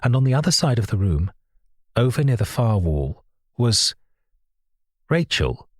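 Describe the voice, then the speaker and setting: A man narrating a suspense novel in first person, in a measured, tense reading. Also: medium pitch, sing-song, a little mellow, slightly rough, dry recording, clean studio sound. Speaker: audiobook narrator.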